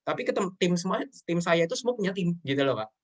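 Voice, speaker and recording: Fast-talking earnest young man. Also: high-pitched, expressive. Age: 20s. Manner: emotional, repeatedly addressing the host as sir. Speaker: guest. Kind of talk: earnest personal talk in an interview.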